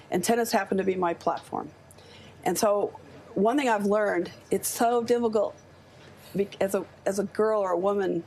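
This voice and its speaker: Brief: older American woman guest in her seventies, gravelly and husky-edged, impassioned and earnest, live news desk. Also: mid-range voice, a little mellow, slight background noise. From United States. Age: 70s. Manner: earnest, impassioned, speaks with conviction. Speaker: studio guest.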